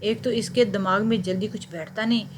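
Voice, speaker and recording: An irritated mother complains in a scolding tone, voiced by a woman reading a story aloud. Her voice stays at a middle pitch. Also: fairly even intonation, brisk, a little hiss or hum, lightly acted.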